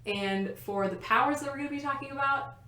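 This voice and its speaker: A woman's voice: high voice, fairly quick, pushed and bright. A young woman co-hosting a casual podcast from a bedroom, rambling and laughing often mid-sentence. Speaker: podcast co-host. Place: a bedroom at home. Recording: roomy bedroom echo.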